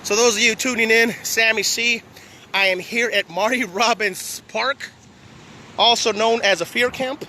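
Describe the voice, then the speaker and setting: Out of breath as he walks and vlogs in a park beside a long line of cars, a man talks in a blunt, combative way. His high, bright voice is steady and forceful at a measured pace, with faint street noise around him.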